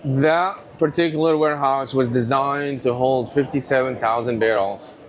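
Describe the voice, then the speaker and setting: A man from Tunisia, telling stories as an animated guest in a casual interview. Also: medium pitch, moderate pace, slight background noise. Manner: animated, rambling storyteller. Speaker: whiskey company owner, guest.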